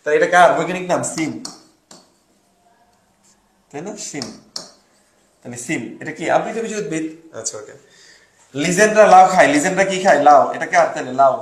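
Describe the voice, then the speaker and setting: A man's voice: fairly high pitch, animated, fairly quick, pauses often, roomy sound, slight background noise. A young man from Bangladesh tutoring a live online class, quizzing students and making joking mnemonics. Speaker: admission test tutor.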